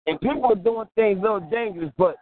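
A man co-hosting a talk radio show from a patchy phone line that fades in and out, talking in an animated way, chuckling and repeating himself for emphasis. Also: high-pitched, fast talker, no echo. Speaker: radio show co-host calling in. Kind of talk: casual talk radio chat. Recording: tinny dry phone line.

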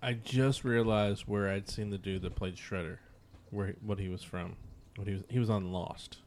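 A man's voice: on the low side, steady tone, moderate pace, darkish tone, a little hiss or hum. A man co-hosting a podcast who chips in with short, dry interjections. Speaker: podcast co-host. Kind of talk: casual movie recap chat.

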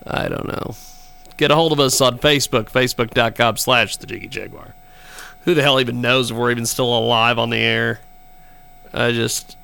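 Gravelly, bright-voiced man hosting live. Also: medium pitch. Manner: joking, sarcastic about technical trouble. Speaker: radio show host. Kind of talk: casual live broadcast talk.

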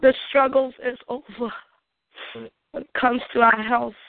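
This prayer leader's voice is a little high and flat, unhurried, with some vocal fry, and crowd noise fills the background. She delivers an impassioned prayer, declaring line after line with frequent "uh" fillers, and the audio comes through a dry, tinny phone connection.

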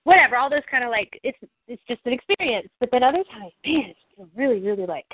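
A woman's voice: a little high, animated, fast, husky, no room sound. A woman chatting casually on a group call, rambling with many likes and you knows. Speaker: group discussion member. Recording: tinny phone-like call audio.

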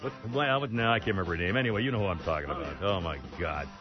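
A man's voice: low voice, very animated, very fast, lo-fi sound, music in the background. A man hosting a talk radio show, rambling and sarcastic, often exasperated, speaking from a studio. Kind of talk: casual talk radio banter. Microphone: studio microphone.

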